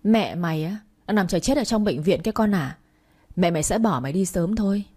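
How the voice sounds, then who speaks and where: A woman's voice: on the low side, lively intonation, a little fast, warm tone. A woman reading a story, voicing a cruel, two-faced young woman who scolds a child harshly. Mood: harsh scolding.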